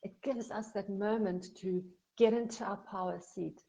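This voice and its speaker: Gravelly-voiced woman coaching gently. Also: medium pitch, fairly even intonation, unhurried, rough recording. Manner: gentle, acts out inner thoughts in soft voice. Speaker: sobriety coach. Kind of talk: coaching talk.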